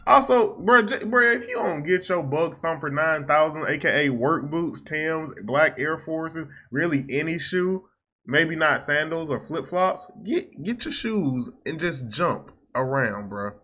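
A young American man hosts a reaction video from a small room at home, offering casual, slangy commentary and often repeating his phrases. His voice is on the high side, lively in intonation, a little slow, and pushed and bright.

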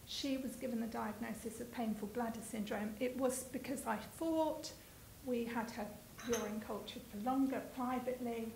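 A woman's voice: on the high side, moderate pace, creaky, a little mellow, slight background noise. Earnest woman patient advocate, echoey room. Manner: earnest, emotional when speaking of her daughter. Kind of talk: panel discussion.

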